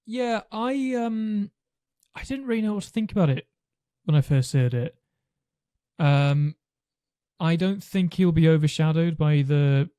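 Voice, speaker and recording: A man's voice: fairly high pitch, dark tone, no room sound. A man chatting casually about films as a podcast co-host, thoughtful and a little hesitant. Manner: thoughtful, hesitant, acts out conversations. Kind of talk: casual film discussion.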